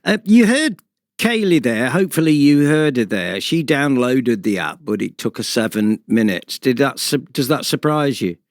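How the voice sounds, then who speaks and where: A man's voice: medium pitch, very animated, moderate pace, no room sound, studio quality. A man with an English accent hosting a local radio show, questioning a guest in a friendly, conversational way. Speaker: radio presenter. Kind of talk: radio interview.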